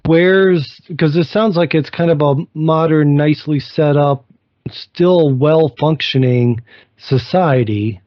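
A man hosts an interview in a fairly high voice, asking relaxed questions. His sound is dry and somewhat muffled, with a lo-fi quality. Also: takes it slowly, no echo. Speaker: interview host. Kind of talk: casual interview.

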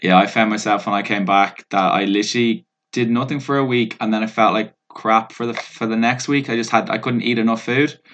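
A man's voice: fairly low pitch, steady tone, fairly quick, hardly any pauses, fairly bright tone, muffled recording, slight background noise. A man interviewing a guest in a casual, informal conversational way, restating phrases as he goes. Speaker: interviewer, fitness coach.

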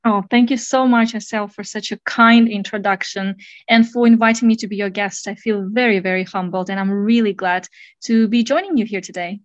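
A woman's voice: medium pitch, brisk, no room sound, muffled recording. A young woman from Kazakhstan, a doctoral student, talking earnestly and thoughtfully as an interview guest, with some fillers. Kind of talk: casual interview talk.

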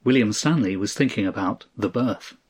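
A man narrating a story in a measured, even storytelling delivery. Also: lowish voice, husky. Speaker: audiobook narrator.

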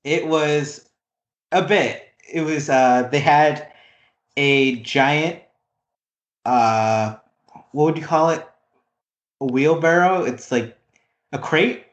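A man's voice: on the high side, takes it slowly, pauses often. Casual male podcast co-host, rambling recap, echoey room. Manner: rambling, many "like" fillers, animated retelling. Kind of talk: casual chat recapping a reality show. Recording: roomy echo.

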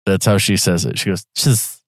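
Casting: male podcast co-host, low voice, rambling and self-mocking, dry close sound. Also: normal speed, dry recording. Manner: rambling, joking, self-deprecating. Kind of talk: casual podcast chat.

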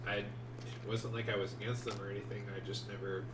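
A man's voice: fairly low pitch, level tone, fast talker. A man with a stuffy, congested nose telling personal stories in a casual, joking, rambling group chat. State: congested from allergies. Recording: roomy echo, distant mic, faint noise.

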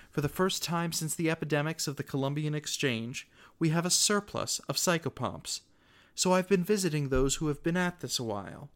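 A man voicing a kind, resolute woman in a dramatic story, speaking in a gentle, earnest and composed way. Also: a little high, pitched above the performer's own voice. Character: resolute, kind woman, a newly dead mother.

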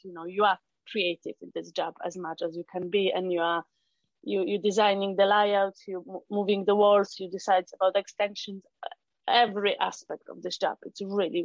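The founder of an arts venue for children, a middle-aged Polish woman, is interviewed casually and answers in a hesitant, halting way, frequently starting over and saying "um." She speaks with a Polish accent at a medium pitch. The recording is dry, with the highs cut off.

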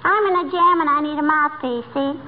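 A woman's voice: sits high, fairly quick, close to an everyday voice. An actress playing a chatty, naive but sly little girl in a 1940s radio comedy. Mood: confiding, sheepish. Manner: childish slang, repeated questioning tags. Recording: tinny old radio recording, faint noise.

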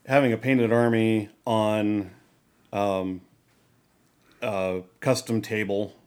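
A man co-hosting a casual podcast chat, talking in a measured, meandering way. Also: on the low side, fairly even intonation, a little mellow, clean tone. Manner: measured, many fillers and restarts. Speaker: podcast co-host.

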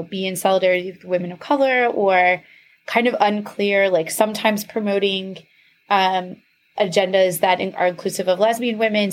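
A woman co-hosting a podcast in casual chat, rambling with fillers, swearing and laughing often. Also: medium pitch. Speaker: podcast co-host.

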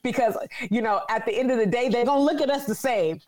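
A woman's voice: fairly high pitch, fast talker, darkish tone. A woman in her forties from California, speaking earnestly and reflectively in a conversational interview. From Sacramento, California.

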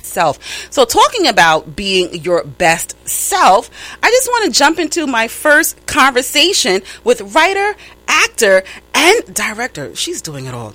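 A woman with a New York accent hosting an interview, enthusiastic and quick to laugh. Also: on the high side. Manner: lively, laughs easily, warm enthusiasm. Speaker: radio show host. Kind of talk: interview conversation.

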